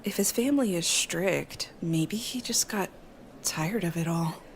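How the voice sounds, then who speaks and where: A woman playing a quiet, thoughtful young friend in a scripted skit, musing in an understated way. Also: lowish voice, measured pace, a little hiss or hum. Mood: pensive. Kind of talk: scripted animated-style skit dialogue.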